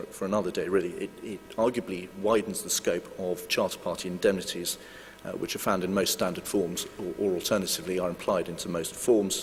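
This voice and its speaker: A man giving a formal legal presentation at a conference, measured and hedging, with frequent filler sounds. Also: low-pitched. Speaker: lawyer giving a conference talk. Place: conference hall. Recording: long hall reverb with faint hum.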